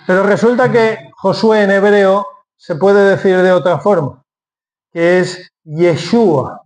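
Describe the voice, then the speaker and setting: High-voiced man preaching a sermon. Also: fairly even intonation, slow pace. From Spain. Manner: explanatory, asks and answers his own questions.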